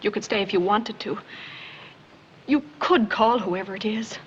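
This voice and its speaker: An actress playing a poised, teasing young stage star and wife, from a 1940s film soundtrack. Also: female voice, mid-range voice, a little slow, slightly rough. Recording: dull 1940s film soundtrack with faint hiss.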